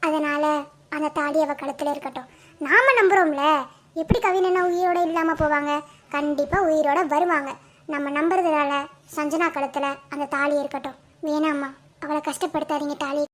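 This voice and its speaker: A woman's voice: high voice, steady tone, normal speed, a bit bright. A woman voicing a caring young female college friend in a cartoon drama, coaxing and begging. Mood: earnest.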